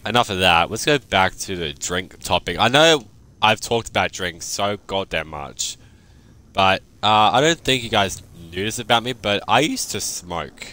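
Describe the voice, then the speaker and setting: A man's voice: deep voice, sharp tone, slight background noise. A young man, chatting and rambling freely through casual gameplay commentary, swearing now and then. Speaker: gaming youtuber.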